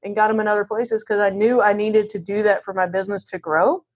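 Speaking quickly in a mid-range voice that stays fairly flat in pitch, this divorce lawyer chats as a guest on a podcast. She has a Southern US accent, is frank and self-deprecating, and frequently performs the lines of people she's quoting, herself included, during the relaxed interview.

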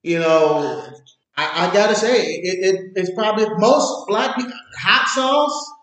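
A man's voice: high voice, a little slow, a bit bright. A man in a casual chat, teasing and prodding with questions. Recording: distant voice in an echoey room.

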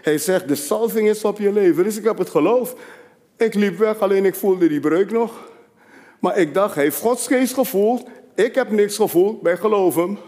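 A man preaching a sermon as an apostle, emphatic, swinging between low confiding asides and loud rising declarations. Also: normal speed, long reverb tail.

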